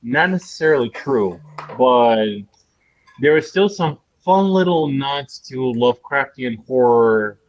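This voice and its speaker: An excitable man talks over a video call at an ordinary middle pitch. He rambles from idea to idea and swears casually in a relaxed group discussion. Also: unhurried, dry recording, lo-fi sound. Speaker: panelist.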